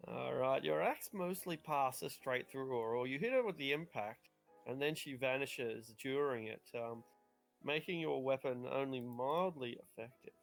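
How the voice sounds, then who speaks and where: A man running a tabletop game as game master, improvising dramatic, halting narration. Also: medium pitch, animated, vocal fry, soft background music, low-quality recording.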